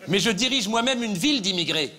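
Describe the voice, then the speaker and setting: A man's voice: high-pitched, expressive, a little fast, bright, forceful tone. A male comedian in a live stage sketch, playing a smug, patronizing politician who repeats himself. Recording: live theatre with audience laughter.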